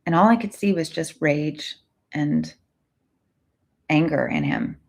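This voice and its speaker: An earnest woman hypnotherapist talks casually to her live-stream viewers. She answers their comments and tells a story. Her voice sits low and has a gravelly fry. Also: huge pitch swings, slow, darkish tone.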